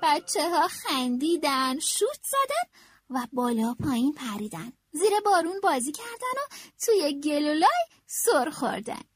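High, lively woman reading a storybook. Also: soft background music. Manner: expressive, animated read-aloud. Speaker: narrator.

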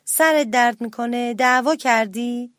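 A chirpy storybook woodpecker, voiced by a woman, pitched up and full of nosy questions, quick to tease. The delivery is loud and bouncy. It sits in a dry, close recording. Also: no echo, natural voice. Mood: curious. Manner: quizzing, mocking. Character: nosy, teasing woodpecker who laughs easily.

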